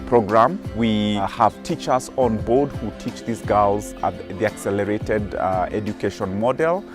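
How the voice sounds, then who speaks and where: A man's voice: lowish voice, unhurried. A man, the executive director of a charity, speaking earnestly and with emphasis in a documentary interview. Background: music.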